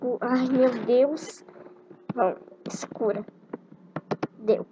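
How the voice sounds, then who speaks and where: High-voiced girl gushing over a game. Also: drawn-out words. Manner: gushing over cute animals, chatty. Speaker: gameplay narrator. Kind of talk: casual gameplay commentary. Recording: dull lo-fi recording with loud noise.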